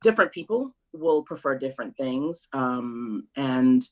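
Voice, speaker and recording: A middle-aged woman from Brooklyn talking as an interview guest, thoughtful and measured, with frequent pauses and restarts. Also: very deep voice, expressive, poor audio. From Brooklyn, New York, USA. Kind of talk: candid sit-down interview.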